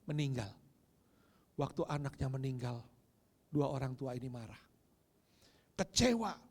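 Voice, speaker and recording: A male pastor preaching a sermon, moving from soft asides to loud, fervent emphasis. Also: mid-range voice, steady tone, normal speed. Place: church sanctuary. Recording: long reverb of a church hall.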